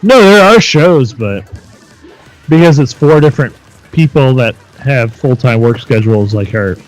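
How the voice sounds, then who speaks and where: A man's voice: medium pitch, unhurried, no room sound, poor audio. Laid-back man chatting over game music. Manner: relaxed, swears casually, self-deprecating. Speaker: podcast co-host. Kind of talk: casual chat while playing a video game.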